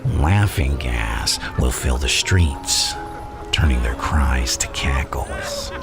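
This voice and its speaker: Music plays behind a very deep, gravelly villain, a theatrical madman in an ASMR roleplay. He draws out his words slowly and conspiratorially, often dropping into a breathy, menacing whisper. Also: animated, exaggerated voice. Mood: conspiratorial, sinister. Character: Joker, theatrical male villain, menacing, philosophical, gleeful madman.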